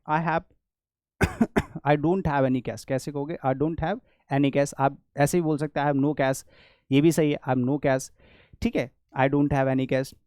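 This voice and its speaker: A man from India, an English teacher with an Indian accent, explains in Hindi and says each English phrase slowly, again and again. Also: a little high, darkish tone, no echo, studio quality. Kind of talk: spoken English lesson.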